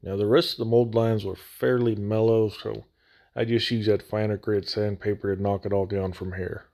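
Low-pitched man, casual hobby tutorial. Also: flat delivery, normal speed, creaky, dark tone. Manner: plain-spoken, folksy, colloquial. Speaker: host of a scale model building channel. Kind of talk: casual hands-on tutorial narration. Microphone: phone microphone. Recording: echoey sound from a damaged phone mic.

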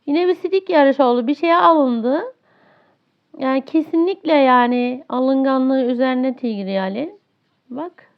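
A woman's voice: high voice, unhurried, smooth. A woman commentating her own online match, ranting with exasperation about a teammate who won't play. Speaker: gaming streamer. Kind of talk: live gameplay commentary. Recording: dull lo-fi audio.

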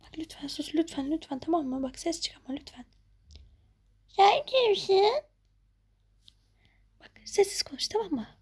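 A woman voicing a homeless young woman neighbor in a whispered role-play, talking in a hushed, pleading way. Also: high voice, steady tone, brisk, pauses often, husky.

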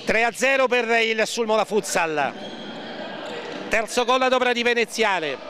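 A man giving live futsal play-by-play, repeating players' names and lifting his voice excitedly at key moments. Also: sits high, normal speed, crowd noise. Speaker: match commentator. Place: indoor sports hall during a match. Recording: noisy sports hall ambience, bouncing balls.

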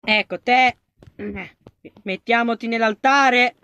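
Slow-paced let's-play commentary from an excitable, panicky gaming creator who addresses the characters and veers between yelling and low mumbles. The audio has its highs cut off and some background noise.

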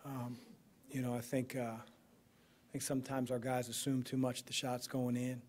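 A man in his forties, a basketball head coach, answering press questions after a game in a measured way, with many fillers and restarts, into a podium microphone. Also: medium pitch, completely flat delivery, a little mellow. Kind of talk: postgame press conference answers. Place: press room in front of a sponsor backdrop.

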